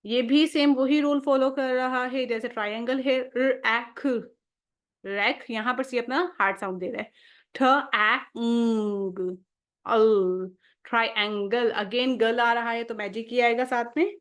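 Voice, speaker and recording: A young phonics teacher with a slightly high, steady voice leads a home-schooling lesson, splitting each word into single letter sounds and drawing them out slowly. She pauses often to check if it's clear, frequently asking "okay?".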